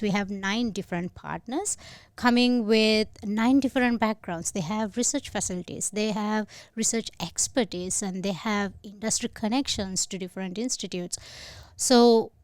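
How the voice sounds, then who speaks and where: A woman from Sri Lanka, a podcast guest, explaining her program in a measured way with some hesitant fillers. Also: fairly high pitch, clear, resonant tone, no room sound, studio quality. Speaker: guest, incubator head. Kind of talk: podcast interview.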